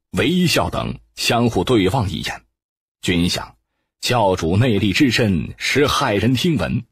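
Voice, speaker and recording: A man narrating a martial arts novel as an audiobook, in an expressive reading style. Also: fairly low pitch, breathy edge, no room sound.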